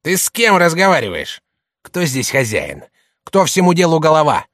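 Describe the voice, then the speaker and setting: A man's voice: fairly high pitch, huge pitch swings, normal speed, a bit bright, no echo, studio quality. A man reading an audiobook, voicing a middle-aged shopkeeper who wheedles and then bullies his wife. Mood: angry. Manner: gruff, by turns placating and bullying. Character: rough, boastful male shopkeeper, middle-aged, blustering.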